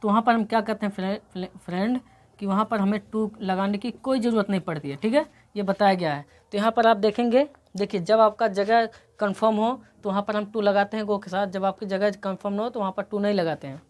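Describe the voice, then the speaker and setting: A woman's voice: medium pitch, fairly quick, a little mellow. Woman teaching English grammar step by step. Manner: explains step by step, repeats and checks understanding. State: coming down with a cold. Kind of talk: grammar lesson.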